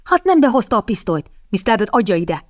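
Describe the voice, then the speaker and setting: A woman doing a calm, steady army captain. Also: medium pitch, no room sound, clean studio sound, lightly acted. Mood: exasperated. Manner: composed, firm.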